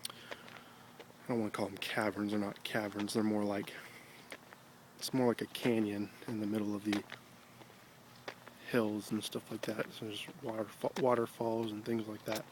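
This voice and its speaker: An American man talking casually with a pipe in his mouth, rambling in a halting, reflective, unhurried way. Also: fairly low pitch, little pitch movement. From Ohio, United States. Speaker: video blogger. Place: outdoors on an evening stroll. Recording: noticeable background noise, ambience.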